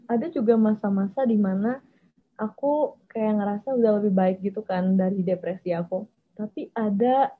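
A young woman vlogger with a husky, medium-pitched voice shares her personal story openly and casually, frequently slipping English phrases into her speech. The audio sounds thin and tinny, like a phone.

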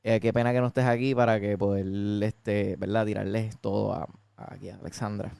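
A man's voice: fairly low pitch, little pitch movement, a little fast, vocal fry, a little mellow. A man, co-hosting a casual film chat, playful and teasing, reading out viewer comments and dropping English words. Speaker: podcast co-host.

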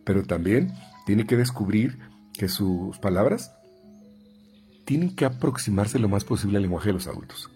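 A man with a Mexican Spanish accent, a speech therapist giving parents conversational advice in numbered tips, with many fillers and restarts. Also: mellow. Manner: conversational, frequent fillers and repeats; acts out quoted parents and children in higher voices.

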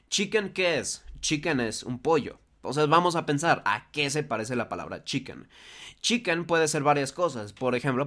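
A man teaching a casual lesson, friendly and encouraging, often pausing to ask rhetorical questions. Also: mid-range voice, fairly bright tone. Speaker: language teacher.

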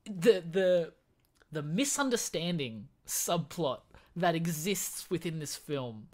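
A mid-pitched speaker on a film podcast, breaking down storytelling choices with real enthusiasm. The talk is analytical yet animated, in a casual conversational flow. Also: slow pace. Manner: animated, switches into mimicking characters. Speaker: guest podcast host.

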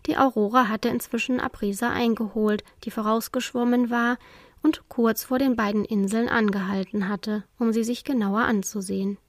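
Higher-voiced woman reading a storybook. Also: steady tone, normal speed, no room sound. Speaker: narrator.

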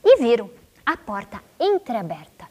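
A woman telling a children's story, expressive and playful, drawn out, with asides to her young listeners. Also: a little high, measured pace, breathy edge.

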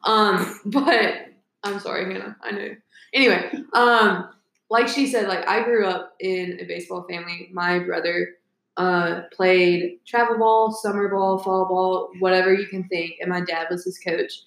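A woman in her early twenties tells her story in a loose, talkative way, leaning on fillers as she goes. Her voice has a creaky, gravelly edge, and the room rings with echo. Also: lowish voice, fairly even intonation, unhurried, fairly bright tone. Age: 20s. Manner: chatty, rambling with fillers. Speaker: guest. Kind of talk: casual podcast chat.

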